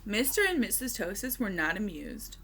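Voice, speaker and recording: A woman reading a children's storybook aloud expressively, with deliberate dramatic pauses and emphasis. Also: medium pitch, big pitch swings, noisy background.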